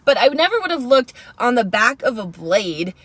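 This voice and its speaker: A woman co-hosting a podcast in casual chat, telling a story in an animated way and acting out what other people said. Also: fairly high pitch, normal speed, breathy edge. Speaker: podcast co-host.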